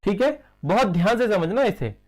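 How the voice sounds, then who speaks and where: A man's voice: high-pitched, animated. A man teaching a chemistry class, who asks questions and answers them himself, repeats key terms and slips in English phrases. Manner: dictates slowly while writing. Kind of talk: classroom lecture.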